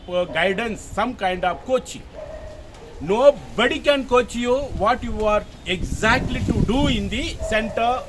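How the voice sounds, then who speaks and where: Recorded with a phone camera amid background noise, a retired officer gives informal, emphatic instruction straight to camera, frequently repeating phrases. He is an older man from Tamil Nadu, India, a native Tamil speaker with a Tamil Indian English accent, and his voice is high-pitched.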